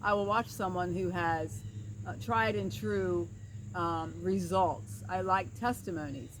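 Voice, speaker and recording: A woman's voice: lowish voice, steady tone, slow. Middle aged lady vlogging outside, kinda rambly and earnest, slightly slurred like half her mouth is numb, bugs and nature noise going. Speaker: vlogger and pastoral counselor. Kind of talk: casual personal vlog. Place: outdoors by a creek. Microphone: camera at a short distance. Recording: outdoor creekside with clear insect and ambient noise. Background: insects and woodland ambience.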